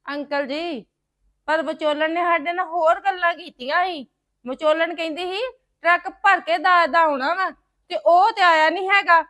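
A woman's voice: very high voice, a little fast, sharp tone. A woman playing a stubborn young woman who insists on dowry in a family drama. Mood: insistent. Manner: insistent, complaining. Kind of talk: amateur family drama acting.

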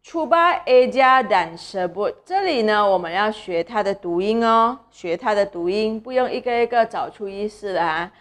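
A young woman teaches small children to read, sounding out syllables slowly. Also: medium pitch, expressive. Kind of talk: children's reading lesson.

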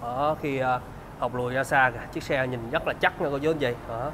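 A man in his thirties with a southern Vietnamese accent, giving a used car salesman's walkaround pitch in polite, repetitive sales patter. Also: fairly even intonation, brisk, background noise. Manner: salesman's patter, polite address and repeated selling points. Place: large open car service bay.

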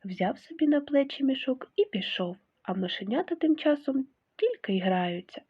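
A woman teacher reading a fairy tale aloud to young children in an expressive storytelling manner. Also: sits high, moderate pace, slightly rough. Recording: tinny phone-like sound.

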